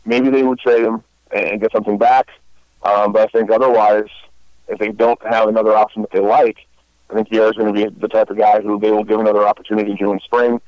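A man's voice: on the low side, level tone, fast, dry recording, lo-fi sound. A man hosting a baseball podcast in casual chat, rambling with many fillers and restarts. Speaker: podcast host.

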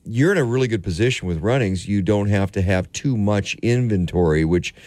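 A man's voice: on the low side, a little fast, no echo. Man, radio talk host, joking banter, dry studio sound. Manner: joking, lively back-and-forth. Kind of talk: casual radio chat. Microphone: studio mic.

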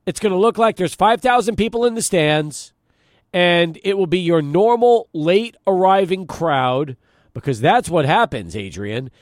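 A man's voice: high-pitched, lively intonation, measured pace, no echo, clean studio sound. A middle-aged man hosting a sports talk radio show, conversational and emphatic, punctuating his points. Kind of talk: sports talk radio, chatting and prompting callers. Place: radio studio.

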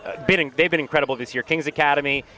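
A man hosting a live high school sports broadcast from a school field, chatting energetically with many fillers. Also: rapid-fire. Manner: energetic, filler-heavy play-by-play chat. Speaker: radio sports host.

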